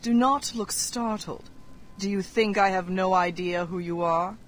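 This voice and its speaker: Woman doing a snooty evil wizard lady, cold, slow threats, mid voice. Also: mid-range voice, steady tone, slight background noise, lightly acted. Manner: haughty, measured threats. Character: arrogant female Red Wizard, cold and commanding. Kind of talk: game voice acting.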